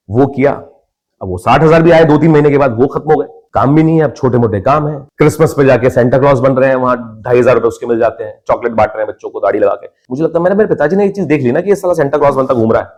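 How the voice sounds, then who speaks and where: Indian man telling his story. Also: mid-range voice. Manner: lively storyteller who acts out family members' voices. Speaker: podcast guest, actor. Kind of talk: casual storytelling in a podcast interview.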